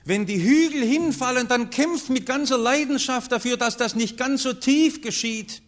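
A man preaching a sermon, earnest, his voice rising and falling strongly as he speaks. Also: normal speed. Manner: earnest, with strong rises and falls in pitch and loudness.

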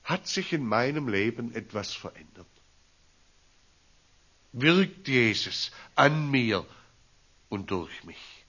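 A man, a pastor preaching a storytelling sermon in a slow, deliberate way. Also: mid-range voice, husky. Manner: slow, deliberate, animated rises and drops. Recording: dull lo-fi recording.

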